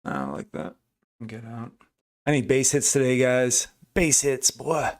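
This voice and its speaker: A man thinks aloud while commenting on a live trading stream, with a gravelly edge to his voice. His pitch sits in the middle for a man. He talks casually, restarts sentences and answers viewers by name. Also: lively intonation, unhurried. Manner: thinking aloud, chatty, restarts, reads out chat names. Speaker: livestream day trader.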